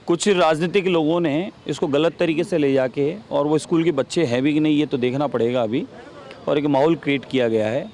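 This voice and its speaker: A man's voice: fairly high pitch, a little fast, a little mellow. A man giving a heated interview as a legislator, combative, repeating rhetorical questions.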